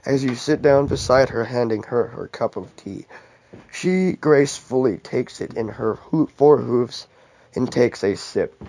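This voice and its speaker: A young man with a warm, mellow voice reads a fan story aloud in the second person. He reads casually, often restarting lines and stopping for offhand asides. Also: mid-range voice, unhurried, vocal fry. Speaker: fan fiction reader.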